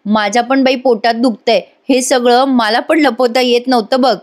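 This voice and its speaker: A woman's voice: fairly high pitch, fairly even intonation, moderate pace, lightly acted. Woman voicing an older aunt, kindly, chatty, homely. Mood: relieved.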